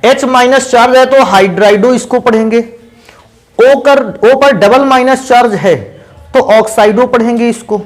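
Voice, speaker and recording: A man with a notably high voice gives a chemistry lesson in a classroom. He explains step by step in a patient way and keeps asking his students questions as he goes. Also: a little slow. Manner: patient, addresses students as "beta" and asks them questions. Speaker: chemistry teacher. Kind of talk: classroom lecture.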